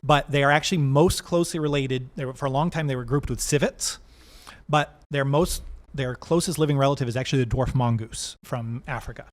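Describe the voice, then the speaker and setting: A man's voice: medium pitch, fairly quick. A man who works at a zoo, a guest on a casual podcast, eagerly explaining animal facts and quizzing the hosts. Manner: enthusiastic, explanatory, laughs at own jokes.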